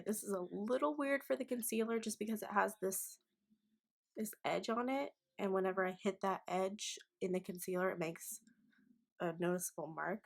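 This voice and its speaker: Tipsy young woman, low creaky voice. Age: 20s. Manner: tipsy, casual drunk-tutorial delivery; informal, sweary, effusive slang. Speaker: beauty vlogger. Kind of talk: casual makeup tutorial chat to camera.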